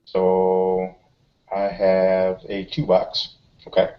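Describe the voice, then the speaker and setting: A man playing a tabletop game, talking casually and explaining moves and rules in a deliberate way. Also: low voice, monotone. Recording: dull, lo-fi sound.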